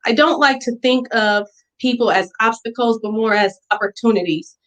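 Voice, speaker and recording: Earnest woman pitching her hair business. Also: moderate pace, low-quality recording. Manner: earnest and emotional, fighting back tears at times. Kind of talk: virtual business pitch presentation.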